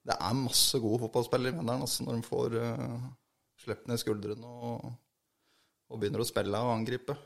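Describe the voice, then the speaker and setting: A man's voice: mid-range voice, flat delivery, gravelly. A man co-hosting a podcast, giving blunt, earthy opinions in casual chat with plenty of fillers. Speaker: podcast co-host, football fan.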